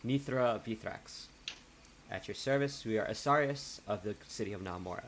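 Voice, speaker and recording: A man voicing a formal elven woman envoy, speaking slowly and in a measured way. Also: lowish voice, slight background noise, lightly acted.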